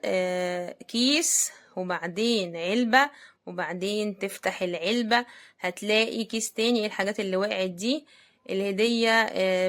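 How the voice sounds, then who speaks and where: Speaking with an Egyptian Arabic accent, a woman hosts a product unboxing video and chats casually with her viewers, addressing them directly. Her voice sits in the mid range with a fairly bright tone.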